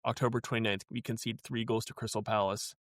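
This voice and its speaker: A man's voice: lowish voice, flat delivery, fast, no echo, clean studio sound. A man co-hosting a casual podcast, chatty and wry with a glum edge, often trailing off into fillers. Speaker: podcast co-host.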